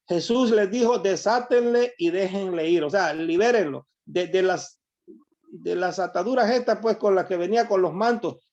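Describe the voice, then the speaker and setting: A man preaches a sermon in a high-sitting voice with a darkish tone and moderate pace. He reads scripture to his listeners and explains each passage, heard through a muffled lo-fi recording.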